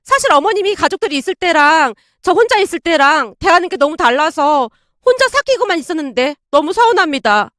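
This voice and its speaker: A woman's voice: extremely high pitch, very animated, fairly quick, few pauses, fairly bright tone, dry recording, clean studio sound, exaggerated voice. A woman voicing a scheming young wife who accuses her mother-in-law in whiny, polite speech. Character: scheming two-faced young wife, falsely tearful.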